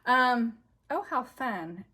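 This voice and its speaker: A woman's voice: a little high, animated, slow pace, bright, forceful tone, breathy edge. A woman hosting a crafting channel, chatting casually while out of breath, scattered and apologetic as she thinks aloud. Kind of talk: casual chat.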